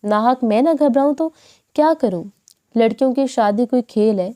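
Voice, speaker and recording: A woman voicing a stern, harried middle-aged mother who scolds her daughters in a sharp tone. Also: a little high, natural voice. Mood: scolding.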